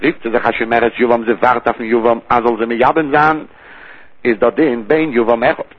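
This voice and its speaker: A man's voice: medium pitch, little pitch movement, a little fast, slightly rough, no echo. A man teaching a traditional religious text study lesson in a sing-song study cadence, repeating key terms as he works through the passage. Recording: tinny phone-line recording.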